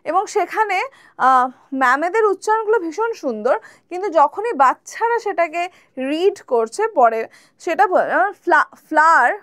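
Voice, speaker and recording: A young woman from West Bengal with a Bengali accent, teaching spoken English in a video lesson, slowing down to model English phrases and often checking in with her viewers. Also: very high-pitched, expressive, fairly bright tone, dry recording, clean studio sound. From West Bengal, India.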